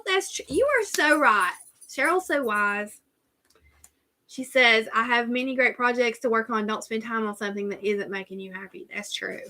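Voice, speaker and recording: A chatty woman with a country Southern drawl, rambling casually through a live stream. Her voice is bright and a touch high, and she talks in loose, easygoing runs. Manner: chatty, rambling, reads out viewer comments. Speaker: cross-stitch channel host.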